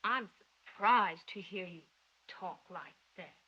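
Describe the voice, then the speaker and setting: A woman's voice: medium pitch, takes it slowly, pushed and bright. An actress playing an emotional young woman in love who speaks in breathless, gushing exclamations, on a dull 1930s film soundtrack. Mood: excited. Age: young adult.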